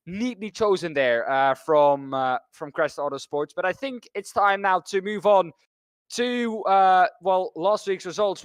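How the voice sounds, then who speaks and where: On this dry recording, a race commentator from the Netherlands calls a sim racing event in a high, fairly bright voice. His commentary wanders, and he keeps tripping over names before fixing them.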